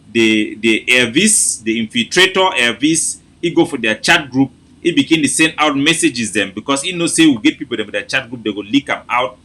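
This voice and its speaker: A Cameroonian man hosts an informal political briefing in Pidgin English, repeating himself in an animated, mocking way. His voice is medium in pitch.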